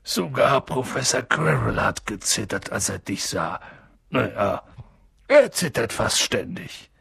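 A man voicing a huge, gruff but gentle gamekeeper who talks in a blunt, clipped way. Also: on the low side, very animated, unhurried, no room sound, clean studio sound, voice pushed down, exaggerated voice. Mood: confiding.

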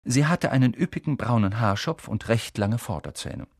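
A man narrating an audiobook with expressive, lively storytelling. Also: medium pitch, moderate pace, husky, no room sound, clean studio sound.

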